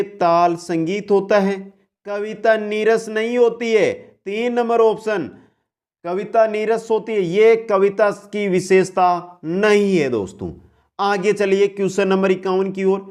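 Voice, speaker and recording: A man teaching an online exam-prep lesson, briskly reading each question, restating it and calling out the correct option while addressing listeners as friends. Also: high voice, a little mellow. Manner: brisk quiz-answering, repeats the question then gives the answer.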